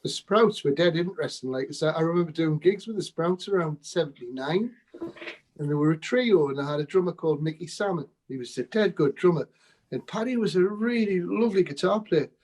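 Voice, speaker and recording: A man's voice: on the high side, lively intonation, brisk, darkish tone, poor audio. A man being interviewed, telling rambling anecdotes about his music days with laughs and quotes. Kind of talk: casual storytelling interview.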